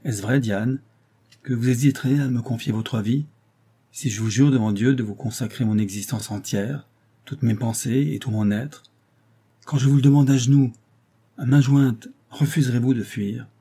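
A man's voice: mid-range voice, moderate pace, dark tone, husky. A man voicing Norbert, fiery young marquis. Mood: pleading.

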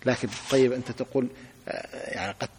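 A man's voice: mid-range voice, fairly even intonation, quick pace, darkish tone, a little hiss or hum. A sheikh teaching a grammar lesson, patiently repeating examples and asking his students to say them aloud. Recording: long hall reverb.

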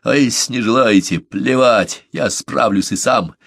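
A man's voice: mid-range voice, unhurried, no echo, clean studio sound, voice pushed up, exaggerated voice. A man doing Becker, raging and raw. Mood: furious. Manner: shouting, fierce, hoarse outbursts. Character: furious grieving man, half-mad with rage.

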